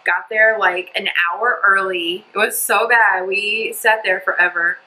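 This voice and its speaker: A woman's voice: medium pitch, fairly even intonation, measured pace, sharp tone, poor audio. A young woman telling a personal story in a casual, rambling vlog while doing her makeup. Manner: chatty, lots of "like" and "blah blah". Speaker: vlogger. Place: indoors at home doing makeup.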